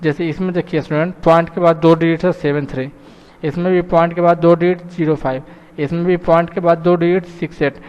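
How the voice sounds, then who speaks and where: A man's voice: a little high, fairly even intonation, brisk, darkish tone, clean tone, long reverb tail, dull audio. A man teaching a math lesson patiently, often checking in with his students. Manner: patient, repeats "thik hai" and "students" often.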